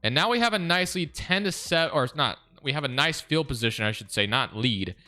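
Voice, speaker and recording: A young man talks casually over gameplay, thinking out loud and often correcting himself mid-sentence. His voice is bright and clean, with a smooth, crisp tone. Soft music plays faintly underneath. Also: a little high, animated, quick pace. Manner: chatty, thinking aloud, self-correcting. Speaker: gaming video creator.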